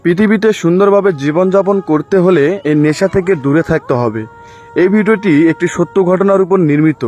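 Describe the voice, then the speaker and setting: A man's voice: sits high, fairly quick, a little mellow, highs cut off, soft background music. A man reading a solemn, moralizing closing message as the narrator. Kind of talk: scripted narration.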